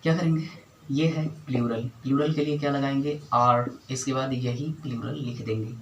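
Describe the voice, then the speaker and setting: A man's voice: medium pitch, steady tone, normal speed, dull audio, slight background noise. A man teaching an English grammar lesson, who keeps repeating key words and asking the class short questions to check understanding. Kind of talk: spoken English lesson at a whiteboard.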